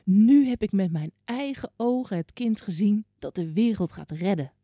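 Storybook part: a soft-spoken old man, read by a woman, mellow and dry. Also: medium pitch, lively intonation, normal speed, no room sound. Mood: gentle. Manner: gentle, polite, softly spoken. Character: devout old man, gentle and moved. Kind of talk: children's Bible story reading.

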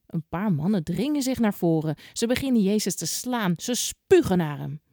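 A woman narrating a children's Bible story in an expressive, suspenseful way. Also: medium pitch, normal speed, no room sound, clean studio sound.

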